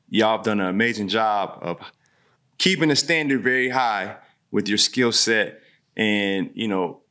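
A man's voice: on the low side, sharp tone. A middle-aged man co-hosting a podcast over a video call, upbeat and full of banter. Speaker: podcast co-host. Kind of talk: casual podcast conversation. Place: home room. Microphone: earbuds, video call.

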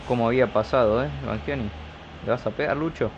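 A man with an Argentine accent and a gravelly edge commentates a football video game casually, rooting for his side in colloquial terms. The sound is dull and lo-fi, with clear noise behind him. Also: mid-range voice, steady tone, quick pace. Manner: colloquial, partisan cheering on players. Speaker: YouTube gamer commentating his own match. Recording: dull lo-fi audio with loud noise.

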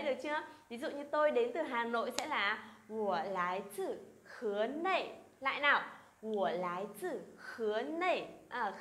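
A woman's voice: a little high, a bit bright. Woman teaching in an echoey room. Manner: slow drilling of example phrases, coaxing questions. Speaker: Chinese teacher. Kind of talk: language lesson.

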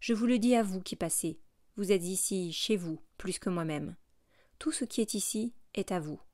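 A gentle old bishop speaks in a soft, calm and welcoming way, as a woman reader voices him. The pitch sits in an ordinary middle range. The recording is dry and close. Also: normal speed, no echo, lightly acted. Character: kind, gentle older male bishop.

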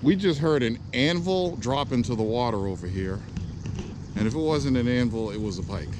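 A man hosting a fishing vlog from a small boat on a lake, chatting excitedly as he narrates catches. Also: medium pitch, moderate pace, noisy background. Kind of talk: casual fishing chat on a boat. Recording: loud background music over outdoor audio. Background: loud music.

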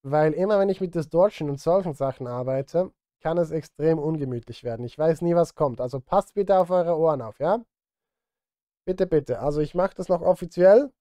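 Working indoors in his home studio, a composer in his thirties talks casually to his livestream audience in a direct, self-deprecating way. His pitch is fairly high, his pace moderate, his tone mellow, with no room sound.

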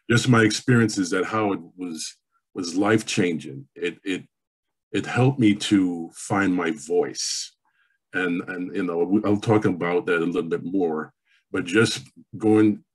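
A man's voice: low voice, breathy edge. A man in his fifties, born in Jamaica and raised in New York, telling his background as a panelist in an online forum over a webcam call in a room at home. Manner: measured, reflective storytelling. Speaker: panelist, professor and pastor. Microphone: webcam on a video call.

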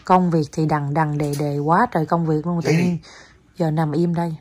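Young woman, Southern Vietnamese accent, lower voice, chatty, coaxing, casual home vlog. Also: level tone, normal speed, darkish tone. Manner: coaxing, chatty, mixes in English words. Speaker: mother vlogging with her child. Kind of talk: casual family vlog chat. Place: home, indoors.

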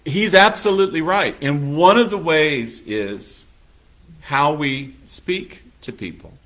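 A man's voice: on the high side, lively intonation, takes it slowly, fairly bright tone. A man preaching a sermon as pastor in a conversational manner, now and then acting out little scenes in quoted voices. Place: church sanctuary.

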